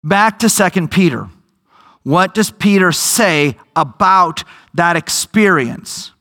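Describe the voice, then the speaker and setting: A man preaching a sermon, telling a scripture story with emphatic, drawn-out phrases and lively storytelling. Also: sits high. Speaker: pastor.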